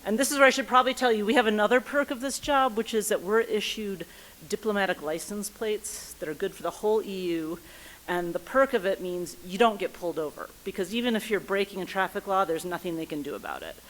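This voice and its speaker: A woman's voice: medium pitch, fairly quick, a bit bright, slight background noise. A woman in her thirties tells a personal story live on stage, acting out voices and thoughts with comic timing. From United States. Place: theater stage before a live audience.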